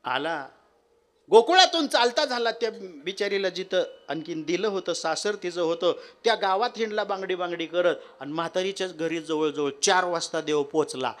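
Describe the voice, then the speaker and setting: A male kirtan preacher with a narrating a devotional tale. His voice is high-set and bright, cutting clearly. He talks plainly and directly to his listeners. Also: lively intonation, moderate pace. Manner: folksy, addresses audience directly. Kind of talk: devotional storytelling sermon.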